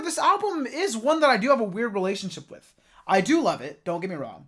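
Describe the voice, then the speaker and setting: A man's voice: high-pitched, fairly bright tone. Casual, joking American man reviewing music. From United States. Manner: loose and jokey, swears freely, trips over words. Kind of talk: casual album-ranking commentary.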